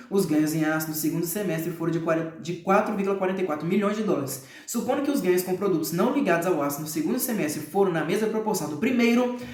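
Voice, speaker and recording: High-voiced Brazilian man reading numbers aloud. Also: darkish tone, reverberant. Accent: Brazilian Portuguese. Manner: reads long figures aloud with frequent hesitations and offhand, profane asides. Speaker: reader. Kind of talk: casual reading aloud of a nonfiction book.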